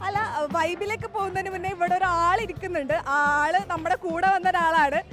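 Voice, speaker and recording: A woman's voice: very high voice, steady tone, brisk, fairly bright tone, faint music behind. A woman with a Kerala Malayali accent presenting casually on location, mixing English slang into her Malayalam. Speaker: vlog presenter.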